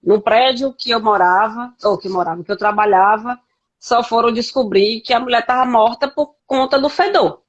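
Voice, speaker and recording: A woman from Brazil, a podcast guest telling her life story frankly in a halting way, with many restarts. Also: fairly high pitch, lo-fi sound. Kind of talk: candid conversational interview.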